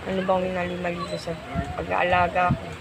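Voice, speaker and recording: A woman with a Filipino accent, a mother chatting casually and haltingly to her vlog viewers in a confiding way. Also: on the low side, completely flat delivery. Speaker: vlogger and mother. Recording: noisy phone video with loud ambient noise.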